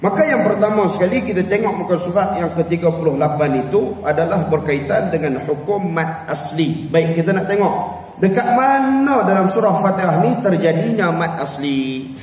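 Malaysian religious teacher in echoey hall. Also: male voice, sits high, a little mellow, a little hiss or hum. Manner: explains rules, then chants verses slowly to demonstrate. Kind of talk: evening mosque class on Quran recitation. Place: cold air-conditioned prayer hall. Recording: distant, echoey hall with long reverb.

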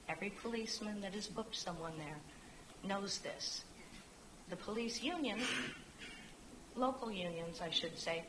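A woman's voice: medium pitch, background noise. Insistent woman at council podium. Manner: insistent, rhetorical. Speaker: public commenter. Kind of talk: public comment at a council meeting. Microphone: podium microphone.

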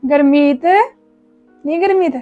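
A woman's voice: sits high, unhurried, dry recording, phone-quality sound, faint music behind. A woman playing a nosy, boastful young friend in an amateur family drama, chattering away.

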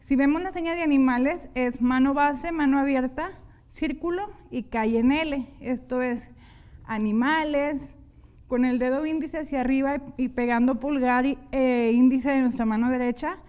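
A woman teaching sign language in a televised class, explaining each hand sign slowly, step by step. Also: high voice, a little mellow.

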